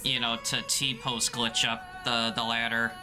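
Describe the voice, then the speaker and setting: A man's voice: medium pitch, flat delivery, measured pace. A man giving casual, rambling live commentary on a video game run in a conversational way. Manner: conversational, rambling, frequent "you know". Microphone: headset.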